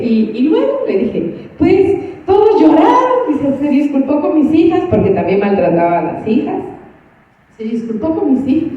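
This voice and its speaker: A woman minister preaching a sermon, telling a counseling story and acting out both sides of the conversations. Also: high voice. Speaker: church minister giving counsel. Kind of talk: sermon with a personal testimony. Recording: echoey, distant, dull church recording.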